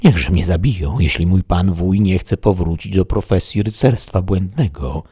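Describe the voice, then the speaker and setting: A man's voice: sits low, moderate pace, mellow, husky, no room sound, clean studio sound, pitched above the performer's own voice. A man doing an alarmed young niece.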